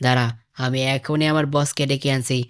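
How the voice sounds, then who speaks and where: Someone voicing a whining flat henchman. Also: mid-range voice, fairly quick, smooth, natural voice. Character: cowardly gang henchman, tattling.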